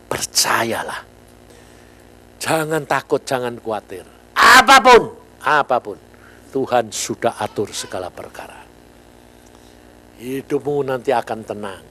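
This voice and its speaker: Animated older male preacher. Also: mid-range voice, slight background noise, rough recording. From Indonesia. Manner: animated storytelling, jumps to near-shouts, asks the congregation questions. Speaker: pastor. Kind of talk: sermon.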